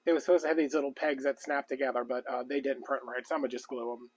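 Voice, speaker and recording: A man's voice: mid-range voice, steady tone, fast talker. A man chatting casually and rambling with lots of fillers while crafting on a live stream. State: out of breath. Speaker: crafting vlogger.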